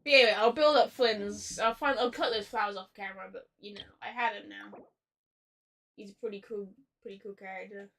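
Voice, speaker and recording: This woman's medium-pitched voice is creaky and a bit bright, with fairly even intonation and a slightly fast pace. While streaming a video game, she keeps up playful, rambling, casual chat and swears loosely now and then.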